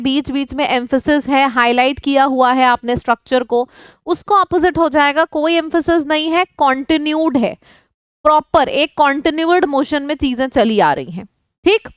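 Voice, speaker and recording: Indian woman, high pitched, vocabulary tutor for exam prep, mixes Hindi and English, dry close recording. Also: no room sound. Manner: lively, asks the class questions and repeats synonyms in lists; switches between Hindi and English. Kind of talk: online class explaining English words in Hindi.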